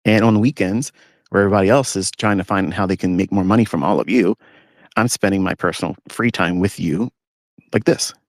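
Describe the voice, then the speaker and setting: Man host, low-ish voice, blunt and scornful, talking on a phone in a parked truck, dry sound. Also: a little fast, no room sound. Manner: blunt, scornful, animated lecturing. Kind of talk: casual talk on a live audio stream. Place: sitting in his pickup truck.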